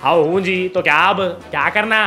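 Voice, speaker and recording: A man's voice: sits high, moderate pace, pushed and bright, soft background music. A young man playing a cheeky, smart-mouthed college student with a Hyderabadi accent in a comedy sketch. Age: young adult. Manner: insolent back-talk, repeating himself.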